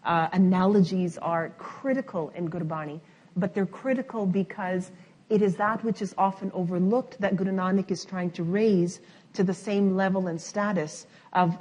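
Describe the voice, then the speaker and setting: A woman panelist answering at a conference, measured and firm, with clear emphasis. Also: on the low side, steady tone, a little mellow. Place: university conference room.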